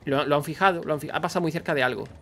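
A man's voice: on the high side, racing, sharp tone, a little hiss or hum. Chatty Spanish man commenting on gameplay. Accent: Spain Spanish. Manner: chatty, explains and laughs along. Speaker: reaction host.

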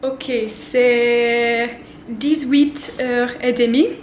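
A young woman from England chatting casually in a vlog, speaking slowly and carefully and laughing often. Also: a little high, fairly even intonation, reverberant, a little hiss or hum. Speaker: vlogger. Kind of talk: casual vlog, learning French. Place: indoors at home, study.

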